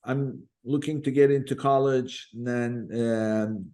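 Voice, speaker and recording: A man's voice: mid-range voice, steady tone, measured pace, warm tone. A man who grew up in Turkey, hosting a podcast interview and telling a personal story earnestly, with many fillers and restarts. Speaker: podcast host. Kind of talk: conversational interview.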